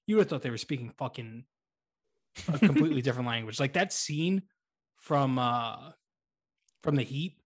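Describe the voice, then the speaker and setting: A man's voice: medium pitch, expressive, normal speed, pauses often, husky. A man co-hosting a podcast in casual comedic banter, joking, swearing and poking fun at himself. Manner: profane, joking, self-deprecating. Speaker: podcast co-host.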